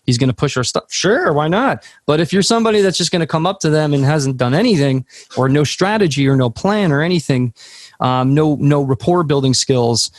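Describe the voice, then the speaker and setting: A man's voice: on the high side, fairly quick, no room sound, studio quality. A man co-hosting a casual music podcast chat, telling stories in a frank, profane way. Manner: profane, animated storytelling.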